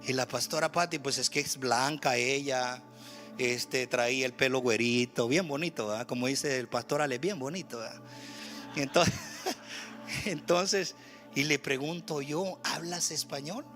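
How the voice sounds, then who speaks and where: A man from El Salvador with a Salvadoran Spanish accent, preaching a church sermon in an animated way, moving from loud exhortation to quiet storytelling with joking asides. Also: mid-range voice, unhurried, soft background music. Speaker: pastor. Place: church sanctuary.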